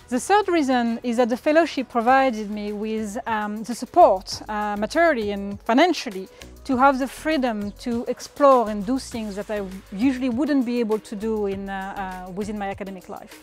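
A woman in her thirties, a research fellow speaking composedly to camera in an outdoor courtyard. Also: fairly high pitch. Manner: composed, articulate, with brief fillers. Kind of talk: prepared talk to camera.

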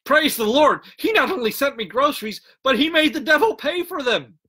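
A man playing Annie, a loud devout churchwoman. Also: lively intonation. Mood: triumphant. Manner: shouting praise in a high drawn-out voice. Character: bold devout older church lady, loud.

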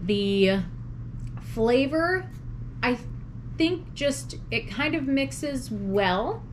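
A woman's voice: sits high, animated, very slow, slight background noise. Chatty woman taste-testing food. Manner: chatty, describes flavors and textures in detail. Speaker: food blogger recreating vintage recipes. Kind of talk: casual taste-testing commentary.

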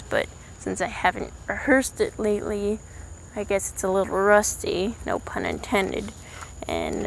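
A woman's voice: mid-range voice, gravelly. A young woman making a casual, rambling vlog about her phone, poking fun at herself. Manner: rambling, self-deprecating. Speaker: video creator. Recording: phone recording with faint noise.

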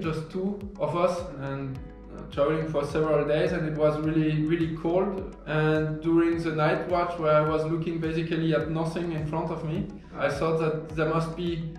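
A man in his thirties talks an audience through his invention from his desk, pausing and restarting often. His voice sits a bit high and rings around a very echoey office. Soft music plays underneath. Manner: halting, many restarts and fillers, earnest. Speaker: engineer and founder of a marine detection product. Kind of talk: explaining a product to camera. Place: office room, indoors.

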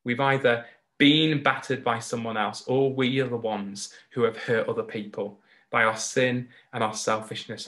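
Earnest male preacher, slow emphatic pauses. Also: mid-range voice, sharp tone. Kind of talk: sermon. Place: home recording for an online service.

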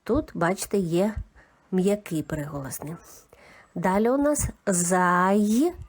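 Slow, patient woman teaching letter sounds. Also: on the low side. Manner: calm, methodical, spells out each sound. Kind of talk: slow, patient children's literacy lesson.

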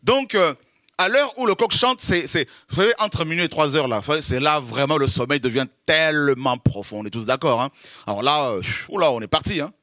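A man from the French Caribbean preaching an informal sermon, humorous and lively, laughing often and acting out little scenes as he teaches. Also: a little high, moderate pace, no room sound, studio quality.

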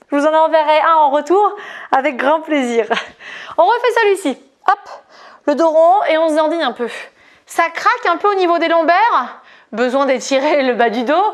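A woman leading a cardio workout class, cheering on her viewers with quick cues, jokes and counting, a little breathy as she moves along. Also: sits high. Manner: upbeat coaching, chatty asides and counting. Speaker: fitness coach.

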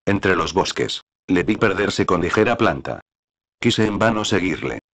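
A man reading the part of a loyal castle warden in a play, in a steady voice. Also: deep voice, unhurried, exaggerated voice. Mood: dutiful.

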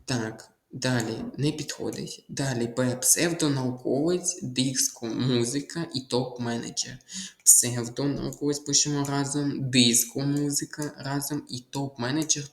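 A man's voice: medium pitch, fairly even intonation, moderate pace, reverberant, slight background noise. A man tutoring exam material, walking through answers methodically and repeating the key points. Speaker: Ukrainian language tutor. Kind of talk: exam walkthrough lesson.

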